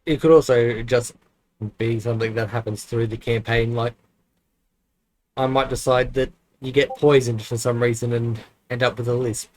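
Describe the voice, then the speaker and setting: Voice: medium pitch, level tone, normal speed, a little mellow. An easygoing game master chatting casually before a tabletop session, laughing often.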